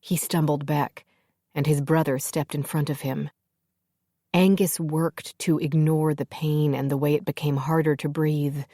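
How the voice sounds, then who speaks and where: A woman narrating a fantasy audiobook in a steady, measured storytelling manner. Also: low-pitched, no room sound, clean studio sound.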